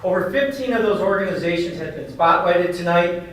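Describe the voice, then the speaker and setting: A man with a high, fairly bright voice speaks briskly as host and foundation chair of a community event, delivering a formal welcome speech partly read from notes. He's in a large, very echoey indoor banquet hall, picked up by a distant mic amid background noise.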